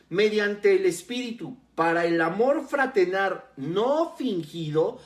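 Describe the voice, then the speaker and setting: A man preaching a sermon as a pastor, teaching earnestly and speaking straight to the listener. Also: high-pitched. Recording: roomy echo.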